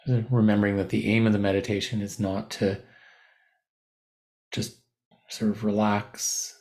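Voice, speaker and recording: As a meditation teacher leading a body scan, a man speaks gently and without hurry, breaking phrases with pauses. He sits on the low side and his delivery is flat.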